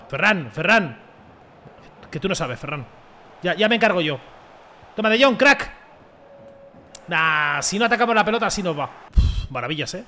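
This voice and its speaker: A young man doing loud, joking gameplay commentary and swearing freely. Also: high voice, slight background noise. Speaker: gaming YouTuber.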